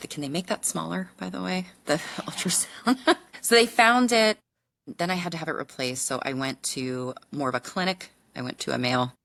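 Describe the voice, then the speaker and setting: A woman guesting on a podcast, telling candid stories in an animated way and acting out other people's lines. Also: low voice, dry recording, low-quality recording. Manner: animated storyteller who acts out other people's voices; frank and candid. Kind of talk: casual podcast conversation.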